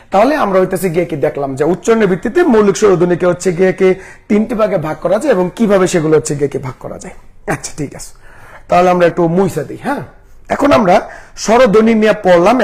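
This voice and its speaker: A man's voice: sits high, darkish tone. A young man teaching a live online class, asking the same questions again and again. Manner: repetitive questioning.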